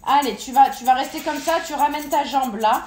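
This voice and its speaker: A woman's voice: high-pitched, fairly quick. A woman leading a workout class, chatty and joking, straining and out of breath as she exercises along. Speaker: fitness instructor. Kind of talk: live workout class coaching. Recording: echoey room with loud music.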